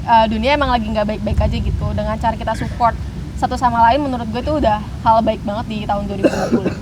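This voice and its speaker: A woman's voice: a little high, fairly even intonation, fast, noisy background. A 21-year-old woman, a radio intern chatting casually and giggling in an interview. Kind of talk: casual chat.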